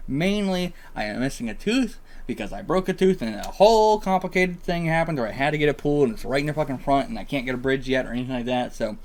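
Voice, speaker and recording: A man's voice: mid-range voice, animated, fast, few pauses, darkish tone. Guy doing casual sweary vlog talk, sounds numb from the dentist, stiff upper lip, apologetic. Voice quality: numb-mouthed, slightly impeded speech, upper lip barely moving. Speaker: host of a reaction channel. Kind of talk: casual chat to viewers.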